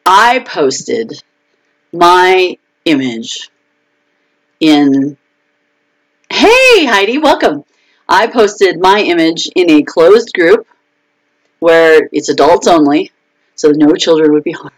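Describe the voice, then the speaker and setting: Woman live streaming from home, kinda low voice, rambly and annoyed, lots of ums. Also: animated, takes it slowly, pauses often, rough recording. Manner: chatty and frustrated, many restarts and fillers. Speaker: author hosting a live video chat. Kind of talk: casual live-stream chat.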